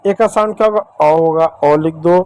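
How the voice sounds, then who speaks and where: A man with a Hindi accent teaching children English phonics, asking questions and answering them himself and spelling out letters slowly. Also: a little high, a little mellow, clear, resonant tone, dry recording, poor audio. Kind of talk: explaining phonics on a board.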